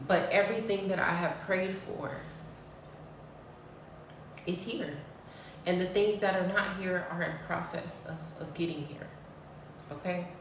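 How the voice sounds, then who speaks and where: Speaking slowly to camera with frequent pauses and a steady tone, this thirty-something spiritual vlogger preaches bluntly about spiritual laws and swears as she goes. Her voice sits a little low. The recording is distant, in a very echoey room with faint background noise.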